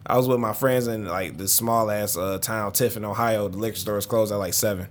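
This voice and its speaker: A man's voice: lowish voice, steady tone, a little fast, slight background noise. A young man, chatting casually and profanely as a podcast co-host, telling stories. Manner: laid-back, profane, storytelling. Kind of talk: casual chat.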